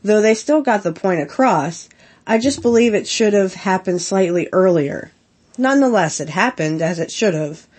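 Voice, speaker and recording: Still recovering from a head cold, a woman hosting a casual podcast gives earnest opinions in an animated, mid-range voice with a slightly mellow quality. Her speech is halting and sprinkled with ums.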